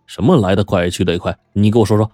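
A man's voice: on the low side, rapid-fire, warm tone, no room sound, studio quality, faint music behind, natural voice. A man voicing a brash middle-aged mine boss who mocks and presses his workers. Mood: pressing. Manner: mocking, brash, amused.

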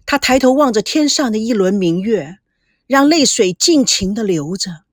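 A woman's voice: on the high side, expressive, moderate pace, no room sound, studio quality. A woman narrating a scripted story with dramatic, emotive delivery.

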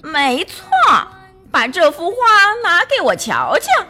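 Storybook mouse lady, hoarse and sneering, raised high and lively, as a woman puts her on. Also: slow pace, soft background music, exaggerated voice. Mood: scornful. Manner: scornful, mocking. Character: sneering hoarse female mouse, sharp-toothed.

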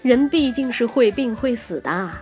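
A woman hosting a comedic history show, telling her material in a playful, slangy, teasing way and swinging between excited and mock-sad tones. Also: on the high side, normal speed, soft background music. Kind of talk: comedic scripted history commentary.

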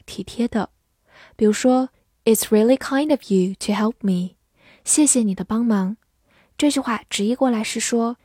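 A woman teaching vocabulary in an unhurried, measured voice. She spells words out letter by letter and reads example sentences slowly. The sound is close and dry, with no room around it. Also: medium pitch, darkish tone, no room sound. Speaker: English teacher. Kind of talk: vocabulary lesson.

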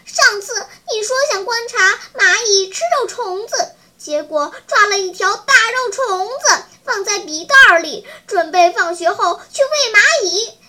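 A woman's voice: very high-pitched, bright, forceful tone, voice pushed up, exaggerated voice. A woman putting on a bossy, indignant schoolgirl. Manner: stern, indignant, rapid scolding. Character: bossy schoolgirl scolding a classmate.

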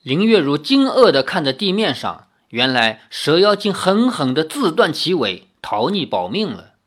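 Storyteller reading a novel out loud, super lively voice, acts out everyone. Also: medium pitch, moderate pace. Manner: animated storytelling, acts out characters. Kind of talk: reading a game-based novel aloud.

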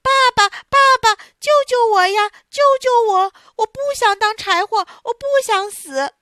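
A frightened little puppet boy speaks up in a high, tearful, pleading voice that leaps up and down, a woman putting him on as she reads the story. The sound is close and dry. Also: big pitch swings, slow, fairly bright tone, no room sound, exaggerated voice. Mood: panicked. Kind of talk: storybook reading.

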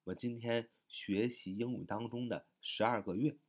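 A man's voice: medium pitch, steady tone. A man teaching English vocabulary in a recorded online lesson, spelling each word letter by letter and padding his phrases with short fillers. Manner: spells words letter by letter, stretches and repeats them slowly; frequent filler "啊" and "呃" between phrases.

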